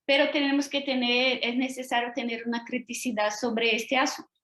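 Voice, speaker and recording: Over roomy video call audio, a Brazilian woman lectures academically as a guest, her native language being Portuguese. Her pitch is fairly high and her tone level and fairly bright, and she moves briskly. Her accent is Brazilian Portuguese, her pacing careful, and she keeps checking in with tag questions.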